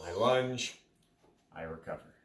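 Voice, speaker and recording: The recording is very noisy and echoey, made in a carpeted living room with the camera several steps off. A man in his thirties gives an informal, casual lesson on fencing technique, speaking at a measured pace in an expressive, lowish voice.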